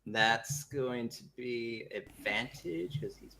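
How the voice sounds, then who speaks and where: A man's voice: medium pitch, expressive, slow, gravelly, bright, forceful tone. A man running a tabletop game as game master, narrating the action with playful asides.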